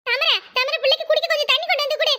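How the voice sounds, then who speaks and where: A woman's voice: very high-pitched, fairly even intonation, rapid-fire, pushed and bright, voice pushed up. A woman with a Kanyakumari Tamil accent voicing a fierce, doting older aunt in a cartoon, fussing and scolding anxiously. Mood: fretful.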